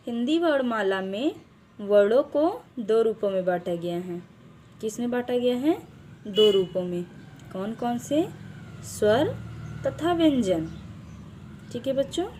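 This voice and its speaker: A woman teaching an online class to young children, slowly asking questions, answering them herself and repeating key words. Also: a little high, expressive, mellow, slight background noise. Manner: slow, repeats key words, stretches syllables apart. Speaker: online primary school teacher. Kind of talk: teaching a Hindi lesson to children.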